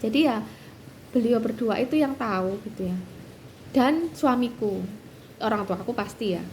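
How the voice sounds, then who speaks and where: A woman tells a story casually to her viewers. Her voice sits fairly high, and she talks with many fillers and restarts. Faint room noise hums behind her. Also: normal speed, low-quality recording. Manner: lively, acts out quoted voices at a higher pitch. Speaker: vlogger and doctoral student.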